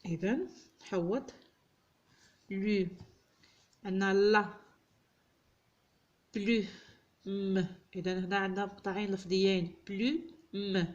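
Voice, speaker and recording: A woman giving a tutorial lesson as a teacher, sounding out French syllables slowly and clearly. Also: medium pitch, steady tone, dull audio.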